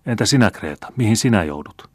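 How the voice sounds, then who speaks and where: A man's voice: lowish voice, animated, no echo, pitched above the performer's own voice. A man reading as a stubborn old accused witch. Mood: anxious. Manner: dry, curt and firm.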